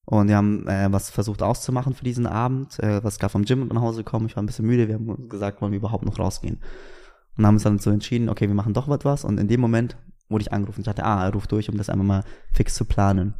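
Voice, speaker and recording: A man's voice: fairly low pitch, rapid-fire. A young man telling stories in casual, slangy chat as a podcast co-host. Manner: slangy, animated storytelling.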